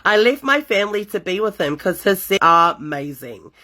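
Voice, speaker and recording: Young nz woman reading juicy stories, mid pitch, chatty and sassy. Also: moderate pace. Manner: animated, sassy asides between read stories. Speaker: host reading listener stories. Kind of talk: casual storytime reading with reactions.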